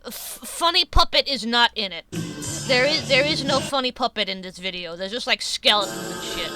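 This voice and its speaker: A woman's voice: fairly high pitch, normal speed, music in the background. A woman chatting casually on a live stream, rambling, swearing freely and laughing often, with a runny nose.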